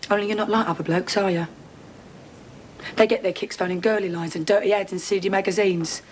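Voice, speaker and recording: An actress playing a furious middle-aged woman, confronting an unwanted man in a TV drama, sharp and sarcastic. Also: medium pitch, fairly even intonation, a little fast, a little hiss or hum, natural voice, poor audio. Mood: cold, scornful. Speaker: soap opera character. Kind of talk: broadcast TV drama acting.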